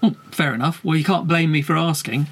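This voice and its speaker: A man's voice: on the high side, fairly quick, breathy edge. A man playing a polite, slightly hesitant and anxious podcast host in a comedy interview. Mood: bemused.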